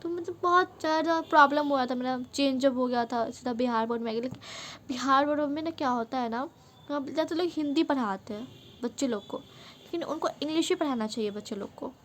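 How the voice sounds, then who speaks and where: A young woman from Bihar, India tells a casual storytime in a frank, emphatic way, her voice sitting a little high. She mixes English words freely into her speech. Faint room ambience stays underneath. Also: fairly quick, a bit bright, a little hiss or hum. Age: young adult. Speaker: vlogger.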